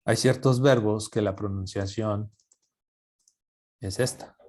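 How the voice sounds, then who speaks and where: Slow, low-voiced teacher explaining grammar. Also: male voice, fairly even intonation, mellow. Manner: joking, checks on students; spells out English pronunciation slowly. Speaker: English teacher. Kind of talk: classroom grammar lesson.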